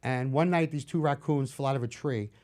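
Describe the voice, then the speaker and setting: A man in his fifties with a Bronx New York accent, a horror film director chatting through stories in an interview, animated and full of restarts. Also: medium pitch, brisk. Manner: storytelling, animated, restarts often. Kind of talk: casual interview chat.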